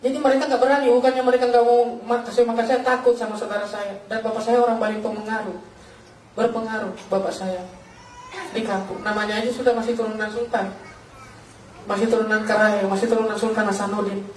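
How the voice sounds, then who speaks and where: A man's voice: extremely high pitch, slight background noise. A man preaching a fervent testimony sermon, telling his story and constantly calling out to his listeners as brothers. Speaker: pastor giving a testimony. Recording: echoey hall, voice from a distance.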